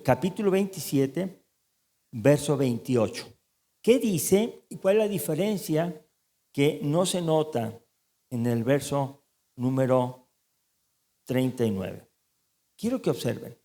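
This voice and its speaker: A man preaching a sermon as pastor, animated and asking the congregation questions. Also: a little high, slow pace, long pauses, big-room sound. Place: church.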